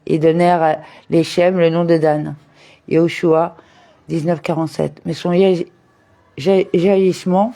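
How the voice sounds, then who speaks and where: Mellow man reading a religious commentary. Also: a little high. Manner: measured reading, with Hebrew terms and verse references. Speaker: reader of a daily study text.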